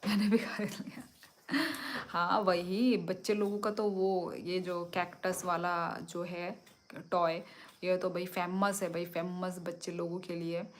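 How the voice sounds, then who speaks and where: A young woman speaks slowly in a fairly low, level voice while hosting a casual livestream. She chats with viewers and answers their comments, switching between languages as she goes.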